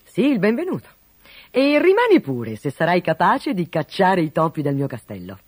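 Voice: mid-range voice, wildly swooping pitch, moderate pace, husky, no echo. A storyteller voicing a cheerful, kind male duke who speaks heartily, in a storybook reading. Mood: welcoming.

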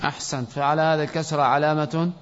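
A man's voice: fairly high pitch, little pitch movement, fast talker, a little hiss or hum. Man teaching in a reverberant hall. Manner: quizzes students, calls on them by name. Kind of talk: classroom Arabic grammar lesson with questioning. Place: classroom or mosque hall. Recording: lo-fi recording with long hall reverb.

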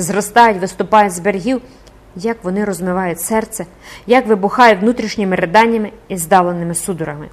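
A woman narrating a classic novel as an audiobook in a measured, expressive reading voice. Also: fairly low pitch.

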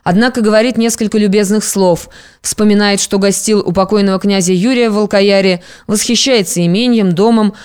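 A narrator reads a classic novel in the even, measured manner of a literary audiobook. The voice is smooth and clear, with a pitch in the middle range, and it carries the long sentences steadily.

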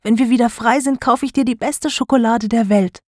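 A woman voicing a teenage boy who comforts his girlfriend softly and reassuringly, in a dry storybook recording. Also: medium pitch, expressive, unhurried, breathy edge, dry recording. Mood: tender. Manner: soothing, comforting.

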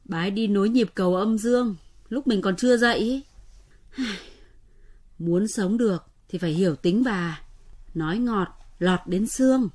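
A woman's voice: medium pitch, moderate pace, darkish tone, close to an everyday voice. An actress playing a teasing, level-headed young woman who coaxes and chides in a radio drama. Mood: coaxing. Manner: teasing, coaxing, practical.

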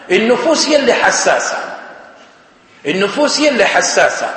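A male preacher giving a religious lecture in a halting, explanatory way, often restarting and correcting himself. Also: high-pitched, fairly bright tone. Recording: echoey hall reverb.

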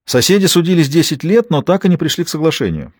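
A man's voice: on the high side, animated, fast, slightly rough, no echo, voice pushed up. Audiobook: male reader as a merry gossiping official, voice raised, dry recording. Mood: chatty. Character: jolly talkative man, state secretary. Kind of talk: audiobook character voice.

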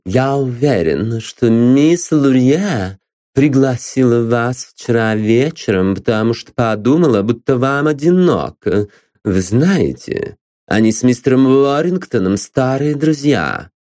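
A man's voice: mid-range voice, expressive, measured pace, a little mellow, dry recording, studio quality, pitched above the performer's own voice, lightly acted. A man reading an audiobook, voicing a stiff, formal woman who speaks in an official tone.

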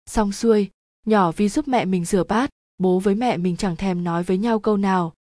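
A woman narrating a first-person story in a lively, chatty storytelling manner. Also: medium pitch, moderate pace, no echo, clean studio sound.

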